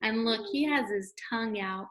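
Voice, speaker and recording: This read-aloud lesson, recorded at home, features a teacher whose slightly high, somewhat bright voice moves at a moderate pace. She talks simply to the children, poses questions, and sounds out letters.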